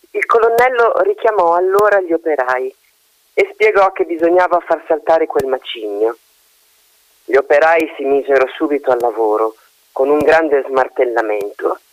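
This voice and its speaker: A man narrating a novel in a measured, expressive storytelling manner. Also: fairly high pitch, rough recording.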